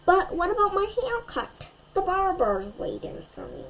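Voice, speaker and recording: A woman's voice: very high-pitched, wildly swooping pitch, measured pace, creaky, fairly bright tone, slight background noise, voice pushed up, heavily acted, poor audio. A woman voicing an eager, wide-eyed little boy in a children's storybook, given to exclaiming.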